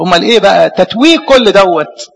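A man with an Egyptian Arabic accent preaching a sermon as a priest, lively, with many rhetorical questions. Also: high-pitched, fast, vocal fry, long reverb tail, rough recording.

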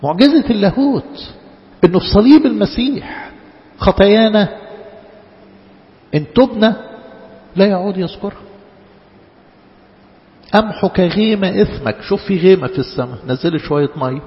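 A man with an Egyptian accent, a priest giving a sermon, with sudden loud emphatic rises and slow drawn-out quotations. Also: high-pitched, animated, in a large hall, lo-fi sound. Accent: Egyptian Arabic.

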